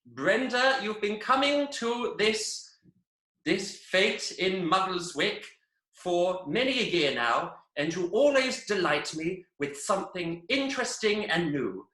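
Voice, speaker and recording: A woman's voice: mid-range voice, expressive, slow, a bit bright, echoey room, low-quality recording. A woman playing a fussy, effusive male chief food judge who lingers over every word, in an improvised comedy over a video call. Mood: gracious. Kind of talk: improvised comedy role-play.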